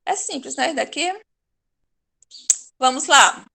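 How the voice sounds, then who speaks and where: High-voiced teacher with a Brazilian accent. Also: female voice, gravelly, bright, forceful tone. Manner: patient, repeats words slowly to demonstrate syllables. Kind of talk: online Portuguese grammar lesson.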